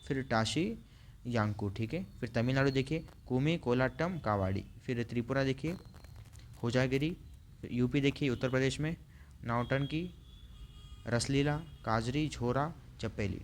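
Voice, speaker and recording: A man teaching an online class, running through long lists and slowing down to sound out hard names. His voice sits at an ordinary middle pitch, and a faint hiss sits under it. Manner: reads out lists, adds frequent "theek hai" fillers; slows down to spell out hard names.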